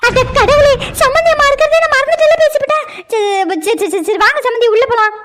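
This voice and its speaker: A woman performing a mother-in-law character in a village family comedy skit, loud and drawling. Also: very high-pitched, brisk, a little hiss or hum.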